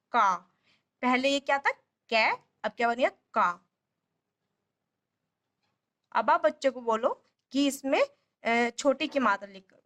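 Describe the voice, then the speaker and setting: A woman with a high, light voice teaches step by step, patiently sounding out each syllable again and again. She speaks like a home tutor guiding parents through a lesson. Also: pushed and bright. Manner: patient, repeats sounds slowly and drawn out.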